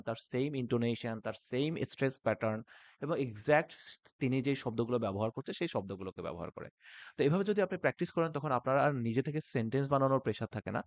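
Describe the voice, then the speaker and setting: A man giving IELTS speaking tips to camera, animated and mixing English phrases into his talk. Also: mid-range voice, dry recording. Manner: animated, switches between Bengali and English phrases. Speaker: IELTS tutor.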